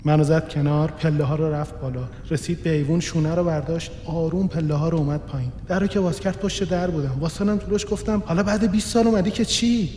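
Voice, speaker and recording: A man narrating a first-person radio story in a quiet, reflective, measured way. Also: fairly high pitch, steady tone, a little hiss or hum. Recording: reverberant room with soft background music.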